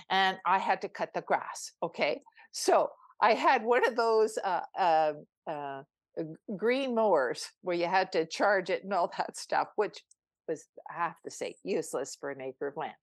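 An older woman speaks as a spiritual coach on a podcast, earnest and emphatic, often restarting her sentences. Her voice sits at a middle pitch. The sound is dry and close. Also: animated, moderate pace, no echo. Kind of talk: podcast guest storytelling.

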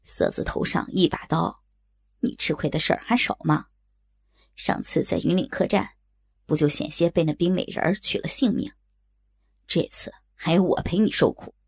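A woman voicing a cautious, weary older male bandit who scolds his reckless junior in a lowered voice, for an audiobook. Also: moderate pace, gravelly. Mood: cautioning.

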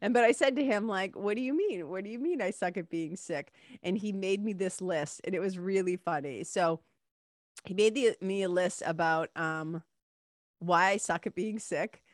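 A woman's voice: medium pitch, no echo, studio quality. A woman with a stuffy, congested nose and a nasal sound, hosting a solo podcast in a casual, playful, lightly sweary chatty way. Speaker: podcast host.

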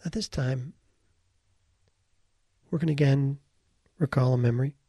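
A man leading a slow guided visualization, calm and soft-spoken, sometimes slipping into a whisper. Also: medium pitch, breathy edge, dry recording, clean studio sound. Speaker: guided meditation leader.

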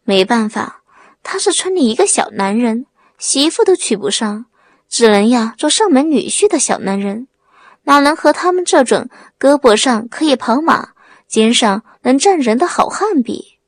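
A woman's voice: a little high, expressive, normal speed. A woman voicing a sly young village man who pretends to be timid and simple, stammering meekly. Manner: timid stammering act, cold when angry. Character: young village man playing dumb, secretly cunning.

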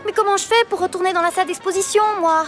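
A very high, piping little girl, curious and bursting with imagination. Her voice is breathless and giggly, with soft music running beneath her storybook adventure. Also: steady tone, fast talker. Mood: worried. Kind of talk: children's audio drama acting.

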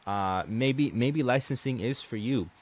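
A medium-pitched, unhurried male voice belongs to a Colombian podcast host in casual interview chat. He speaks conversationally, frequently restarting sentences and using "man" repeatedly.

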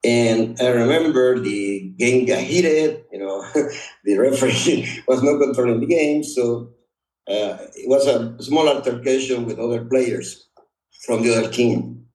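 Speaking at medium pitch with a darkish tone, the Honduran guest tells personal stories in conversation, pausing reflectively and repeating "you know." He's middle-aged or older, a native Spanish speaker, recorded from afar in an echoey room.

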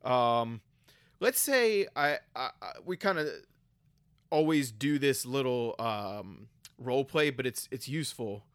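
A man's voice: medium pitch, measured pace, no echo. Man co-hosting a podcast, dry close sound. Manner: lays out an example step by step, with frequent ums. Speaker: podcast co-host. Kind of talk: casual conversational podcast.

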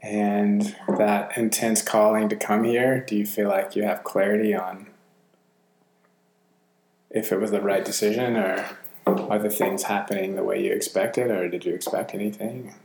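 A woman with an extremely low voice asks the interview questions gently, with soft murmurs of agreement. The room around her is echoey, and faint noise sits underneath. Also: little pitch movement, moderate pace. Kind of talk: casual interview.

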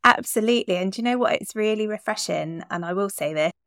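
A woman's voice: mid-range voice, fast talker, a bit bright, no echo, studio quality. A middle-aged woman hosting a conversational interview, responding in an affirming, reflective way. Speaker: podcast host, interviewer.

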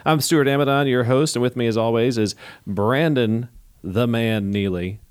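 A man's voice: mid-range voice, moderate pace, smooth, no echo, studio quality. A man hosting a church podcast, joking around and reading scripture aloud. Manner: playful, joking, upbeat. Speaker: podcast host.

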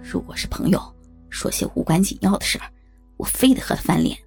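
A woman voicing a sly, gruff old father-in-law with a husky, creaky, breathy voice, muttering evasively in an audio story. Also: low-pitched, expressive, normal speed, faint music behind, pitched below the performer's own voice, heavily acted. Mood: irritated muttering.

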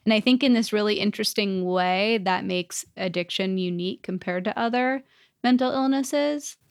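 A young woman co-hosting a podcast in relaxed conversation. She thinks aloud and is chatty and reflective, filling pauses with "like" and "um". Her voice sits at an ordinary middle pitch. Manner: chatty, reflective, many fillers. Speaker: podcast co-host. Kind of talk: casual conversation.

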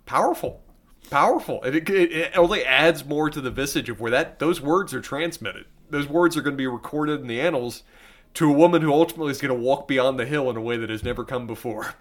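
A man's voice: medium pitch, a little fast. A man with a mid-range voice co-hosts a casual podcast about a TV show. He leans on fillers and reaches for dramatic, emphatic phrasing when he reacts to a scene. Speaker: podcast co-host.

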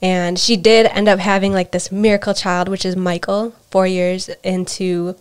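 A woman's voice: mid-range voice, flat delivery, moderate pace, clear, resonant tone. Reflective woman co-hosting a chat. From Peru. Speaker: podcast co-host. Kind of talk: casual personal storytelling.

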